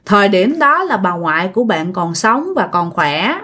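A woman telling a ghost story in a chatty, expressive way, talking straight to her listeners. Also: medium pitch, normal speed. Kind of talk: casual ghost story narration.

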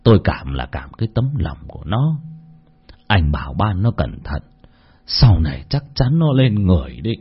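A man voicing a kindly old male shoe seller who speaks softly and haltingly in a storybook tale. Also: low-pitched, very animated, slightly rough, muffled recording, voice pushed down, heavily acted. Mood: tender. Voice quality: soft, halting, slow.

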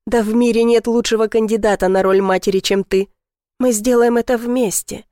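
A woman voicing a tender, adoring young boyfriend in a read-aloud story, speaking softly and slowly to reassure. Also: a little high, fairly even intonation, dry recording, clean studio sound, close to an everyday voice.

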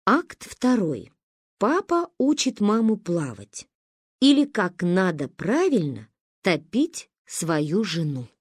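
Expressive woman reading a story. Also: mid-range voice, slow, husky, no room sound, studio quality. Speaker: narrator. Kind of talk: audiobook reading.

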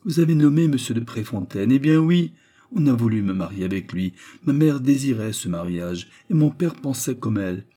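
A man's voice: mid-range voice, expressive, normal speed, warm tone, voice pushed up, natural voice. A man voicing an earnest, pleading young woman in a storybook reading, raising his voice above his own.

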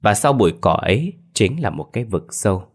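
A man narrating a ghost story in an expressive scripted storytelling style. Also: fairly low pitch, a little fast. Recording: faint background music.

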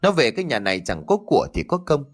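A man voicing an angry elderly grandfather who scolds his wife in a reproachful, rapid shouting manner. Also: mid-range voice, huge pitch swings, soft background music, voice pushed up. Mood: angry scolding.

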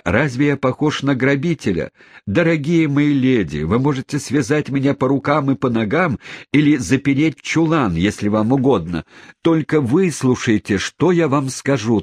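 A man voicing a flustered older English gentleman who pleads desperately, in an audiobook reading. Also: fairly low pitch, sing-song, unhurried, breathy edge, no echo, studio quality, exaggerated voice. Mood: pleading. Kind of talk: audiobook character voice.

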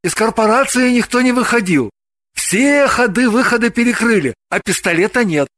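A woman voicing a composed, handsome man who talks slowly in a theatrical, declaiming tone, in an audiobook reading. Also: a little high, animated, a bit bright, no echo, pitched above the performer's own voice. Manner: slow, declaiming storyteller tone.

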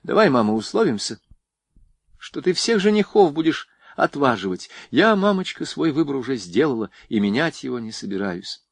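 A man's voice: medium pitch, very animated, normal speed, no room sound, voice pushed up. A man reading an audiobook, voicing a spirited, headstrong young woman who orders people about and teases them. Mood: headstrong, bossy. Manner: bossy and teasing.

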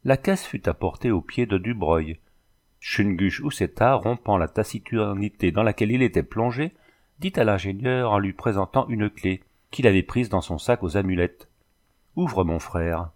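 A man reading a novel aloud as an audiobook narrator, in a steady, clear manner. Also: lowish voice, moderate pace.

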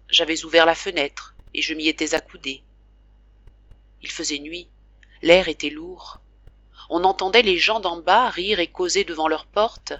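Woman narrating an audiobook, slow and emotional, bright clear voice, very dry close sound. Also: lowish voice, dry recording, highs cut off. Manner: slow, emotive, dramatic reading. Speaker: audiobook reader. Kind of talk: scripted narration of a classic novel.

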